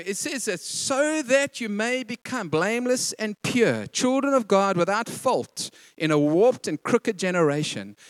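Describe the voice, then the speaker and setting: A man preaching a sermon as a pastor, animated and often laughing as he acts out what people say. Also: high-pitched, no room sound.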